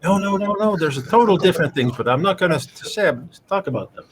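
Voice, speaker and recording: A man's voice: high voice, lively intonation, fast talker, poor audio. Joking male esports commentator. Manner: joking, teasing banter. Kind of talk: live game commentary.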